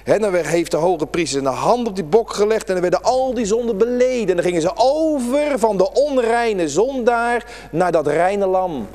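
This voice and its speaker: Dramatic high-voiced male preacher in church. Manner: dramatic, swinging from raised emphasis to hushed near-whispers. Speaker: pastor. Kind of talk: sermon. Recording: long church reverb.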